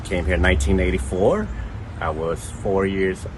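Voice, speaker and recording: A very low-voiced man in his forties from Cambodia answers street questions in a plain, blunt way. Traffic and city noise are clearly audible around him outdoors. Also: normal speed. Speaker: interviewee.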